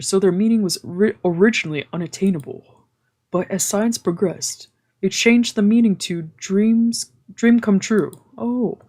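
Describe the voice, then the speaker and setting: This streamer narrates a visual novel like a storyteller while the game's background music plays, stopping now and then for relaxed musings. Their voice sits at a medium pitch and sounds mellow.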